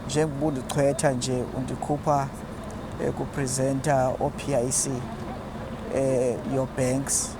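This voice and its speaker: A South African man with a Xhosa accent gives a halting interview answer as an official, with frequent hesitation sounds. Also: medium pitch, level tone. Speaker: head of a public works department. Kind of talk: on-site interview answer, mixing Xhosa and English. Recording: loud outdoor urban traffic noise.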